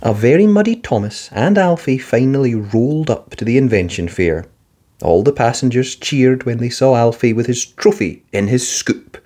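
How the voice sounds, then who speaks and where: A narrator with a mid-range voice reads a children's picture book aloud at normal speed. The delivery is expressive, in a storytelling style.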